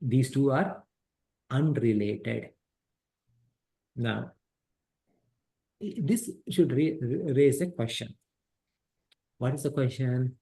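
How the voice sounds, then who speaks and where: His voice is mid-range, mellow and creaky, yet animated, and he speaks slowly with long pauses. This middle-aged teacher runs an interactive scripture class over a headset, breaking things down step by step, repeating himself and quizzing students.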